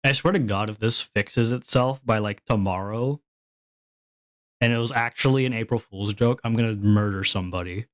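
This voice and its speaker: A male streamer chatting to his viewers with heavy sarcasm and exasperated grumbling. His voice sits at an ordinary middle pitch, recorded dry and close. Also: normal speed, no echo. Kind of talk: casual livestream chat.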